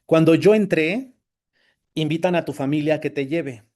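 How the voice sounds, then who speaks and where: A man's voice: on the high side, moderate pace, a little mellow. A man with a Mexican accent, a priest, giving a personal testimony talk with slides, telling his story in a conversational way and often adding tag questions.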